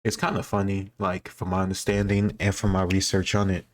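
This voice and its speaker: In a brisk, monotone, low voice, a host gives offhand commentary on a history quiz video. He rambles informally, working through his thoughts aloud.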